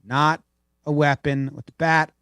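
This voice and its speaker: Animated man talking baseball. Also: a little high, a little slow, smooth, no room sound, clean studio sound. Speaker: podcast co-host. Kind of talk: casual sports chat.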